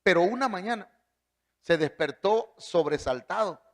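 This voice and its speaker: Preacher, male, emphatic, fairly high voice, swings his pitch widely. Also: expressive, unhurried. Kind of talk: sermon.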